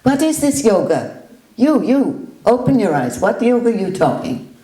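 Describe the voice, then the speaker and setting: A woman's voice: fairly high pitch, very animated, moderate pace, mellow, reverberant, pitched above the performer's own voice, low-quality recording. A woman voicing a stern elderly male Indian sage who fires brusque, challenging questions.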